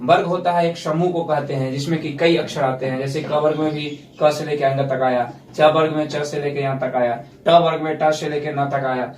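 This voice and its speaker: A man's voice: fairly high pitch, steady tone, normal speed, hardly any pauses, a little hiss or hum. A male school teacher giving a classroom grammar lesson, explaining step by step and repeating his points. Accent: Hindi speaker from India. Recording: echoey room from far off.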